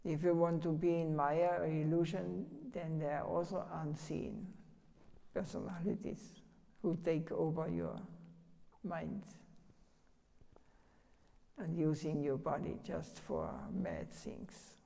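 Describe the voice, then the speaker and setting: An older man, a spiritual teacher, giving a sermon and telling stories in halting, broken English. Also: fairly high pitch, gravelly, mellow, big-room sound. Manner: halting, storytelling, broken non-native phrasing. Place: temple hall.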